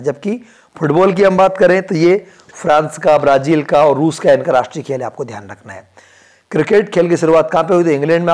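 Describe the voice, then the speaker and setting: A man with a fairly high voice teaches an exam-prep lesson. He asks quiz questions and answers them himself. He repeats the key facts and keeps checking that his students follow. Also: darkish tone. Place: indoor room where he films.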